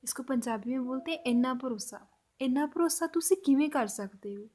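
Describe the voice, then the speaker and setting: Patient and expressive, a language teacher with a slightly high voice and a dark tone leads a spoken lesson. She says every example phrase slowly and repeats it so learners can follow.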